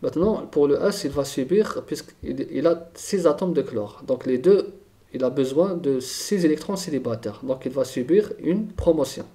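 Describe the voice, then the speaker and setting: A man's voice: a little high, lively intonation, normal speed, warm tone. A man teaching a chemistry lesson, thinking aloud and repeating key terms, often checking with "d'accord?".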